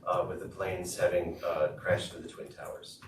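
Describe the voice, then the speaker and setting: A man interpreting a student's talk into English at a school board meeting, steady with frequent "uh". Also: sits low, measured pace. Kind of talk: consecutive interpreting. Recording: echoey room, far mic, noisy.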